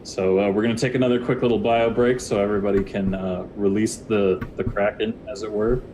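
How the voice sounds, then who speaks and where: A man's voice: fairly low pitch, steady tone, fairly quick, a little mellow, a little hiss or hum. A young man narrating a tabletop game as game master, rambling with many fillers. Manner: rambling, lots of uh and like.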